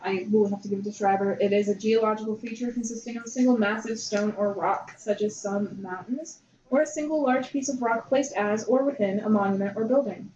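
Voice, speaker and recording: A woman's voice: medium pitch, brisk, dark tone, roomy sound, muffled recording, a little hiss or hum. A woman on a casual podcast who reads out facts in a dry, matter-of-fact way.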